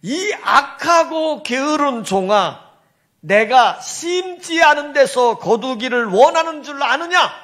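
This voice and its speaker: A woman's voice: on the high side, lively intonation, moderate pace, hardly any pauses. A woman preacher voicing a stern master who harshly condemns a lazy servant in a parable.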